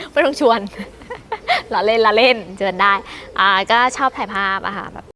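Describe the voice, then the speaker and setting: Woman, northeast Thai biker, casual and polite interviewee, bright, slightly high voice. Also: very animated, a little hiss or hum. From Khon Kaen, northeast Thailand. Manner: chatty and polite, heavy use of soft polite particles, quick laughs. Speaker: motorbike vlogger interviewee.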